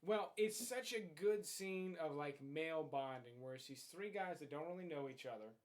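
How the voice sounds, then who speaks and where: Blunt, sweary man with a highish voice. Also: expressive, normal speed. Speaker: host of a movie review show. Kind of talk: casual chat, film commentary.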